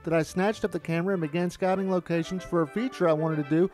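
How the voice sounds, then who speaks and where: A man with a high, darkish voice narrates a retrospective on amateur filmmaking, reminiscing in a conversational, storytelling way like a documentary. He speaks quickly with fairly even intonation, as a voice-over with music behind it.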